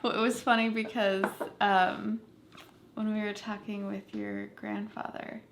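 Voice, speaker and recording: A woman's voice: mid-range voice, level tone, unhurried, background noise. Woman, mid-range voice, playful whiskey-tasting co-host, talkative. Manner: chatty, playful, describes aromas. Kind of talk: casual tasting chat.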